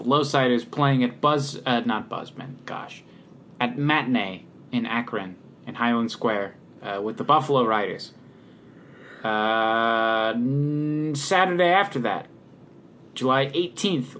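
A man from talks casually on a podcast, stumbling through ums and uhs at an unhurried pace. His voice sits in an ordinary middle range. Faint noise hums under the recording. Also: medium pitch. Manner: relaxed, hesitant with many ums and uhs. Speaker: podcast co-host and local musician.

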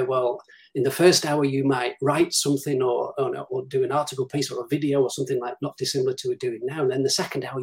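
A man's voice: medium pitch, darkish tone. A man speaking as a guest on a live-streamed interview, giving emphatic advice and acting out what clients say to him. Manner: emphatic, advisory, acts out quoted clients. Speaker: guest, business development director.

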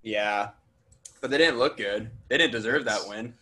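A man co-hosting a casual podcast, relaxed and laughing between points. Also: lowish voice, normal speed. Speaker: podcast co-host. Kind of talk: casual chat.

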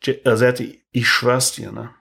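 A man in his thirties co-hosting a podcast, telling a story in lively casual chat and tagging his sentences with "ne?". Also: mid-range voice, moderate pace, creaky. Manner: animated, tags sentences with "ne?". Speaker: podcast co-host.

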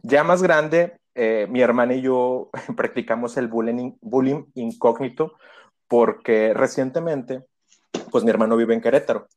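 A man's voice: medium pitch, measured pace. A young man with a Mexican Spanish accent, casually telling a story full of slang and frequent laughter. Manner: laughs often, heavy slang, animated retelling.

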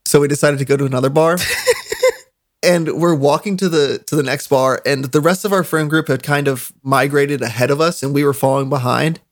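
Young male streamer, casual storyteller, raised pitch, dry close sound, profane and giggly. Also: steady tone, fairly quick, no echo. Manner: laughing, profane, filler-heavy storytelling.

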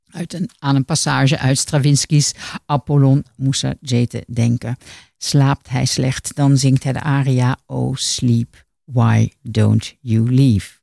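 A man presenting a scripted radio book review in a measured, literate way. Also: medium pitch, vocal fry, dark tone, no room sound, studio quality.

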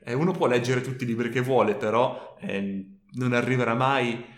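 A man's voice: medium pitch, normal speed. A man with a mid-range voice talks casually and emphatically as a podcast co-host. His colloquial speech is picked up by a tabletop mic in a reverberant room at home. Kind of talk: casual, colloquial advice chat. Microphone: microphone on a tabletop stand. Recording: roomy, echoey home recording.

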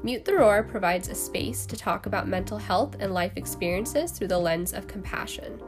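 A woman's voice: mid-range voice, animated, normal speed, over music. A young adult woman hosting a solo podcast in a casual, chatty way, with frequent laughs and fillers. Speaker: podcast host.

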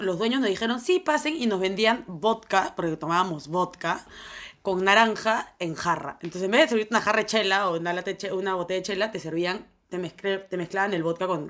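A woman's voice: medium pitch, fairly bright tone. A young woman with a Peruvian Spanish accent, a podcast co-host telling a personal story in a rambling, slangy way full of fillers. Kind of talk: casual storytelling chat.

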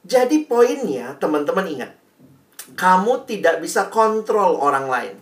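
Lively man speaking from far off. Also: sits high, unhurried. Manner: lively, slips English phrases into his talk. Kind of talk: speaking to a group. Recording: echoey, mic far away.

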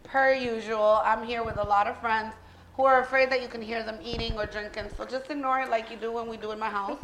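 A woman's voice: fairly high pitch, steady tone, brisk, roomy sound, background noise. A woman in her thirties hosting a casual group podcast chat in a candid, joking, unfiltered way. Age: 30s. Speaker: podcast host.

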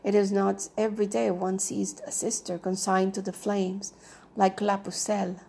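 A woman reading the part of a commanding, worldly older aunt, speaking firmly and briskly. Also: mid-range voice, level tone, gravelly, warm tone, husky. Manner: firm and brisk.

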